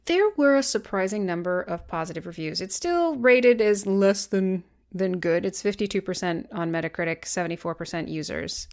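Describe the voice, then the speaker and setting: This podcast co-host has a medium-pitched, somewhat mellow voice that's expressive and moves at a moderate clip with barely any pauses. She reads out what critics wrote and mocks it with dry sarcasm, all in an easygoing, chatty way.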